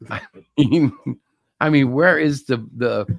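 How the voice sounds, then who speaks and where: A man's voice: mid-range voice, slow pace, creaky, no room sound, clean studio sound. A middle-aged man co-hosting a live stream, chatting casually and rambling through opinions with jokes mixed in. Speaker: co-host of a live-streamed show. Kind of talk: casual chat.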